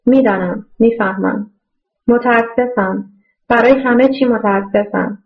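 A woman voicing a tender, regretful man who has come back after many years, speaking in a low earnest voice. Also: close to an everyday voice. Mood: apologetic. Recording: muffled lo-fi audio.

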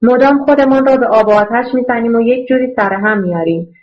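A woman reading an audiobook voices a kind, earnest man who runs an orphanage, speaking in a gentle, reassuring way. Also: fairly high pitch, muffled recording, lightly acted. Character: kind middle-aged male orphanage director, earnest.

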